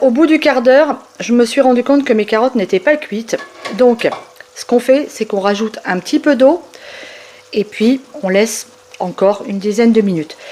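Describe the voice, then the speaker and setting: A woman hosting a home cooking show, chatting warmly and explaining each step of a recipe. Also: a little high. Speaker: cooking channel host. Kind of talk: cooking demonstration. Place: home kitchen.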